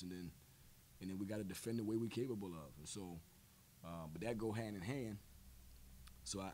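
A man in his forties answers reporters after a game, seated at a table mic in a press room. His voice sits on the low side, and he talks in measured phrases, repeating words and leaning on fillers. A faint rumble runs underneath. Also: a little mellow. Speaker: head basketball coach. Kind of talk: post-game press conference. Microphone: table mic on stand.

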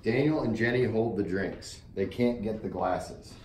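A man's voice: on the low side, unhurried, darkish tone. Man reading stage directions in a roomy space. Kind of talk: casual rehearsal read-through. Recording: roomy, distant with faint noise.

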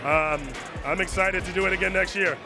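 A man's voice: high voice, steady tone, fairly quick, vocal fry. A man who organizes a film festival, thanking guests and sponsors in an upbeat way. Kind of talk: red carpet interview. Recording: music playing behind.

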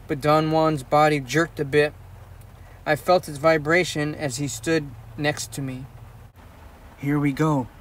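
A man narrating an audiobook in a measured, steady first-person storytelling voice. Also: fairly high pitch, recorded from a distance, a little hiss or hum. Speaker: audiobook reader.

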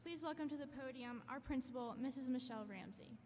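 A woman's voice: high voice, quick pace, a little mellow, slight background noise. A woman student speaker reading a formal announcement at a graduation podium, careful and formal. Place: large school gymnasium. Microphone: podium microphone through hall speakers. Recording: echoey gym from far off.

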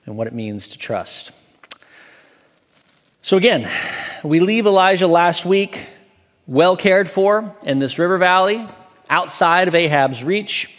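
Man, 40s, associate pastor, measured scripture reading and sermon, church hall reverb. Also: fairly high pitch, a bit bright. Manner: measured, reads aloud slowly from an open Bible. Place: church stage, large indoor hall.

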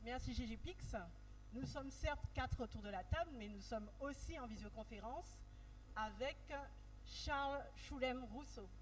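A woman's voice: high voice, measured pace. A woman moderating a live round-table, speaking into a handheld microphone and handing over to guests. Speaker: panel moderator. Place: dark event stage at an art fair. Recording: noisy live venue with long reverb.

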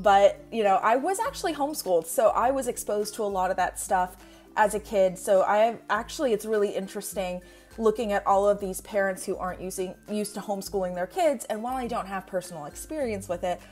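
Chatty young woman reviewing planner supplies. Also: medium pitch. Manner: chatty, rambling with many fillers. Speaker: planner vlogger. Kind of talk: casual screen-share review. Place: indoors at home.

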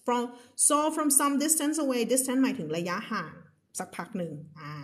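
A woman English teacher on a live stream, reading a story slowly and explaining it in chatty, laughing asides. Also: mid-range voice. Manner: reads English text slowly, explains in quick Thai; laughs often, chatty with viewers.

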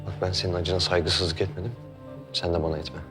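An actor playing a young defense lawyer in his twenties, calm and earnest as he pleads with his upset girlfriend. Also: low-pitched, brisk, music in the background, lightly acted. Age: 20s. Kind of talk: TV drama acting.

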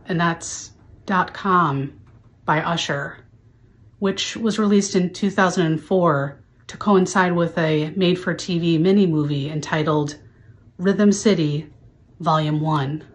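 Slow-talking woman, mock-solemn host. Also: on the low side. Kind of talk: scripted introduction to camera. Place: small furnished room indoors.

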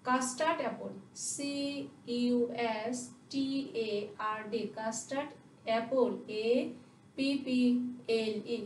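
A Bangladeshi woman teaches a primary class, spelling English words letter by letter and answering the questions she puts to her pupils herself. Her voice is a little high, heard from a distance in an echoey room, with a little hiss or hum in this classroom recording.

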